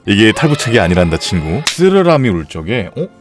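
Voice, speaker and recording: A man's voice: lowish voice, very animated, normal speed, soft background music. A man streaming live, chatting casually and joking in an absurd, rambling way. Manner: playful, absurd rambling jokes.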